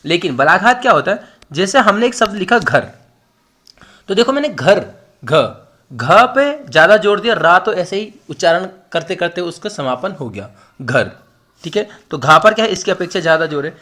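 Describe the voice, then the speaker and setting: Brisk and with hardly any pauses, a young male tutor with an Uttarakhand Hindi accent explains material in an online exam-prep lesson. His high, expressive voice sounds pushed and bright as he speaks directly to students and repeats words to stress them.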